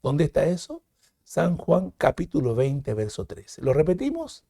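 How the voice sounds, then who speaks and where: A Peruvian-accented man teaching Sunday school, calling out counts for his class to repeat after him. His voice is gravelly and warm, recorded close and dry with no room sound. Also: huge pitch swings, measured pace, no echo. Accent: Peruvian Spanish. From Peru. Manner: leads repetition drills, jumps high on counts; addresses listeners as "hermanos". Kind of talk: Sunday school lesson with call-and-response.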